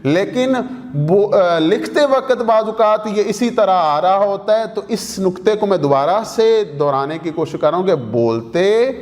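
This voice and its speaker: A man teaching Chinese tones, explaining slowly and repeating points to his students. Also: high-pitched, expressive, darkish tone. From Pakistan. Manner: slow, repetitive explaining with questions to students. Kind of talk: explaining lesson at a whiteboard. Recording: long reverb in a hall-like room.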